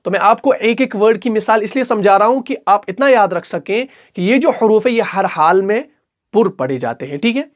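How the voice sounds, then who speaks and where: A man's voice: high voice, lively intonation. Man teaching recitation, drawing words out. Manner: stretches example words out slowly, checks in with "okay?" often. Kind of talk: online class lesson.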